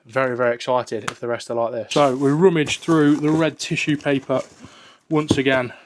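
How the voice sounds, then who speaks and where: A man's voice: medium pitch, steady tone, normal speed, background noise. A man reviewing and unboxing darts in a casual, enthusiastic way, often repeating "very, very".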